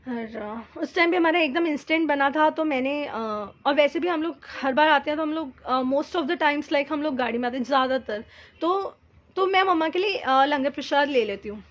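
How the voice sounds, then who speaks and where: A woman telling a heartfelt devotional testimony, speaking earnestly and haltingly, with many fillers and English words mixed in. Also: high voice, lo-fi sound. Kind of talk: personal spiritual testimony.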